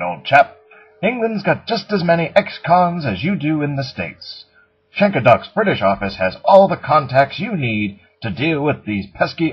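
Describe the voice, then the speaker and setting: A man voicing a jolly, smug British pitchman in a parody commercial, with chummy, plummy sales patter. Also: breathy edge, full character voice. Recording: dull lo-fi recording.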